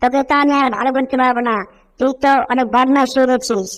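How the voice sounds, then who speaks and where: A stern cartoon house mistress who scolds her pet cat and threatens him, as a woman puts her on. Her voice is a touch higher than an everyday one and firm. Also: fairly even intonation, fast talker, fairly bright tone. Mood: angry. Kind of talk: Bengali fan cartoon dub.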